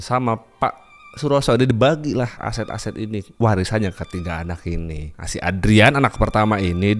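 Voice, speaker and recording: A man hosting a story show, narrating a scary tale in a chatty, casual way with many fillers and asides. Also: mid-range voice. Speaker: storyteller host.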